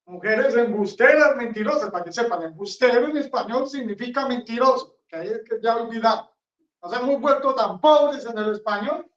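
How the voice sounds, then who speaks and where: Friar preaching, blunt and chatty, dull muffled recording. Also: male voice, very high-pitched, moderate pace. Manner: rambling, conversational, blunt. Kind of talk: sermon. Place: chapel. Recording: roomy, distant, dull sound.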